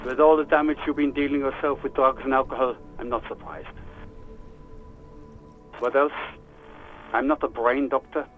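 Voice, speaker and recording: An actor playing a sarcastic, bored police doctor in a video game, dismissive and dry, heard over a radio line. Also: male voice, medium pitch, level tone, normal speed, pauses often, phone-quality sound, soft background music. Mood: sardonic. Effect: radio transmission. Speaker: station doctor.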